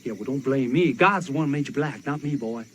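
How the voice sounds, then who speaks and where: An actor playing an arrogant army officer who barks orders with sneering contempt. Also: male voice, mid-range voice, fairly quick, a bit bright, slight background noise, lightly acted. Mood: hostile. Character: arrogant, hostile army officer, adult man.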